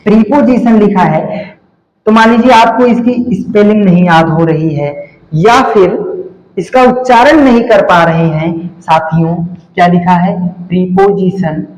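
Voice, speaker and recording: A man's voice: high-pitched, measured pace, darkish tone. A male teacher giving a grammar lesson, explaining step by step, repeating key words and spelling them out letter by letter. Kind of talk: classroom-style grammar lesson. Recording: echoey room.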